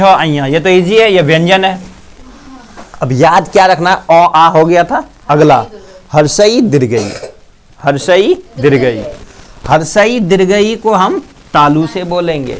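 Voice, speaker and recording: A man with a Bihari accent leads a classroom lesson. His voice sits a little high and he takes the drill slowly, sounding out letters one by one and throwing questions to his students. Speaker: teacher. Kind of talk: classroom Hindi pronunciation lesson.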